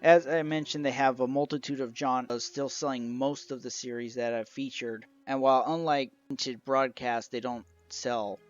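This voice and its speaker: A man with a mid-range voice narrates an informal review of an old radio show collection. Music plays behind him, and the recording sounds muffled.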